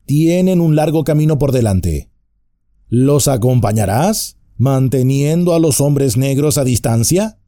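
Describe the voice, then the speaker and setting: A man voicing a grim, weathered male ranger who speaks calmly and firmly. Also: mid-range voice, no room sound, studio quality, pitched above the performer's own voice, natural voice. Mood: wry. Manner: calm, measured, quietly firm.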